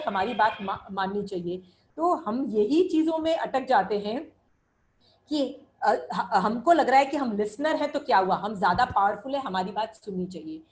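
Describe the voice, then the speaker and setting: A woman's voice: on the high side, a little hiss or hum, low-quality recording. A middle-aged woman giving an earnest religious lecture, mixing Hindi and English and teaching through personal anecdotes.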